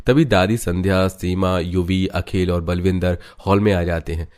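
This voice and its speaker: Male narrator for a cartoon story, low, even, scripted delivery. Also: moderate pace.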